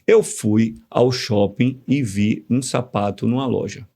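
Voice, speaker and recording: A man explaining ideas in a casual podcast conversation, animated and teacherly, full of examples. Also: on the low side, takes it slowly, gravelly. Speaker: communication guest.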